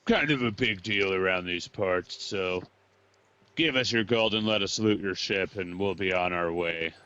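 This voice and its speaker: A man's voice: low-pitched, a little slow, pushed and bright, smooth, lo-fi sound, voice pushed down. A man voicing a cocky pirate captain who boasts about himself and makes demands. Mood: boastful. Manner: swaggering, self-important.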